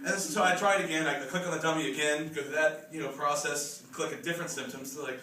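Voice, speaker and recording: A man's voice: fairly high pitch, fairly even intonation, pushed and bright. Nervous young man, echoey amateur stand-up. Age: young adult. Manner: nervous stage fright, halting and stumbling. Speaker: first-time amateur stand-up comedian. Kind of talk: stand-up comedy monologue at an open mic. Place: open mic venue before an audience. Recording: echoey room, distant mic, clear noise.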